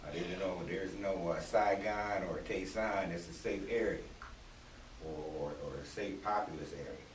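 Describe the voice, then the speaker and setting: An older man with a very low voice talks slowly through his memories, pausing often on fillers. The sound is distant and roomy, with faint background hiss. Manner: reflective, halting, many fillers. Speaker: Vietnam veteran panelist. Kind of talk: radio roundtable talk. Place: small radio studio. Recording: roomy, distant camera audio with faint noise.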